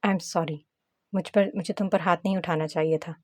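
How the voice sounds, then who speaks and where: Audiobook: a woman reading a hot-tempered young wife and agent, sharp-tongued, dry close sound. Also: on the low side, fairly quick, no room sound, lightly acted. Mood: soft.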